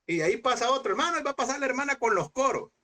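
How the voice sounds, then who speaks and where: A man teaching a Bible seminary class in a lively preaching style, asking rhetorical questions and acting out scenes in sudden high shouts. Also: racing. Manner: animated, mimics voices with sudden high shouts; addresses listeners as brother, rhetorical questions.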